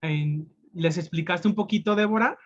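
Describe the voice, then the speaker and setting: A man teaching a sign language class over a video call, slow and patient, often checking in with his students. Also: high voice, dull audio. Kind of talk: online class explanation.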